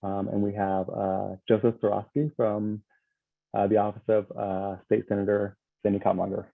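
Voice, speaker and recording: A man with a low, gravelly, husky voice leads a public meeting over a video call. He talks haltingly and fills the gaps with ums and uhs. The sound is thin and phone-like. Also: little pitch movement, no room sound. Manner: halting, with many fillers. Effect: heard over a video call. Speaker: meeting chair.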